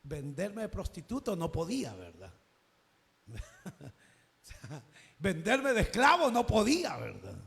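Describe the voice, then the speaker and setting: A Salvadoran man preaching a sermon, telling a personal story and acting out its conversations, now and then rising to a shout. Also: high-pitched, huge pitch swings, a little slow, gravelly, long pauses, big-room sound.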